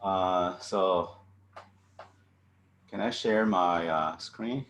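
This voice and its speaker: A middle-aged man from China with a Chinese accent, giving a halting seminar talk over a video call with many fillers and restarts. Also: deep voice, fairly bright tone, a little hiss or hum. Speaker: guest speaker.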